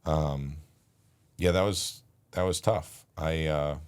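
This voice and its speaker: A man, a podcast guest, telling a personal story in a casual, halting way, acting out bits of dialogue. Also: a bass voice, clear, resonant tone. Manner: relaxed, halting retelling with restarts and quoted dialogue.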